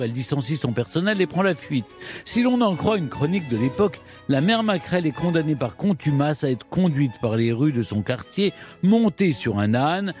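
A man telling a history story in measured, scripted narration with dramatic pauses. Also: fairly high pitch, a little mellow.

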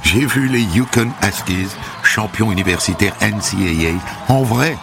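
A young man from Saint-Denis with a Paris-suburbs accent, narrating his own story in an animated, lively way. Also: fairly low pitch, unhurried, gravelly, over music. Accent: Paris suburbs French. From Saint-Denis, France.

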